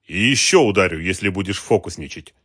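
A man's voice: low voice, animated, fairly quick, fairly bright tone, slightly rough, dry recording, clean studio sound, full character voice. A man reading an audiobook voices a stern male detective who gives curt orders. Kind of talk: audiobook character voice.

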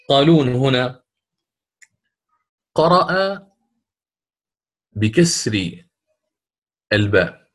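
A man teaching a lesson on Quran recitation, asking his students questions and slowly chanting verses as examples. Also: mid-range voice, fairly bright tone.

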